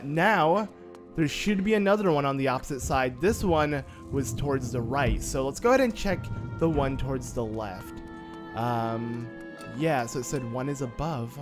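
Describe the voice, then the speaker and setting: With game music faint beneath him, a young man of medium pitch riffs casually over his video game. His voice is a touch raspy from just waking, and his let's-play commentary is loaded with fillers and self-mocking humor.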